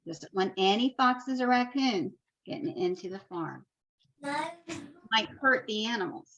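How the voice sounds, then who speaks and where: A woman teacher reading a picture book aloud to young children, with expressive storytelling and friendly asides. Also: fairly high pitch, measured pace, muffled recording.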